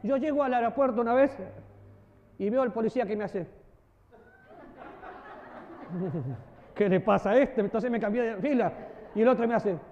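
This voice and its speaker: Animated man preaching in a hall. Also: very high-pitched, a little slow, pauses often, a faint crowd, a little hiss or hum. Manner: animated, acts out voices and gestures, jokes with the audience. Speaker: preacher and teacher. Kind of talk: church teaching talk. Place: church hall. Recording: dull audio with long hall reverb.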